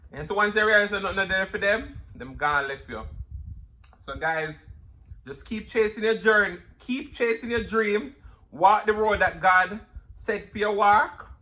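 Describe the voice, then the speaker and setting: Jamaican male mukbang vlogger, high bright voice, emphatic life advice between bites of crunchy fried chicken. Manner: eating crunchy fried chicken between phrases, with murmured mms; emphatic, repeating phrases, preacherly encouragement. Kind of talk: casual motivational talk to viewers.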